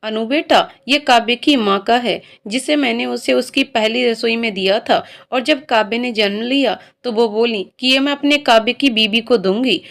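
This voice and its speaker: A woman's voice: a little high, normal speed, vocal fry, hardly any pauses, a bit bright. A woman reading the part of an old grandmother who heads the family in a spoken story. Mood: tender.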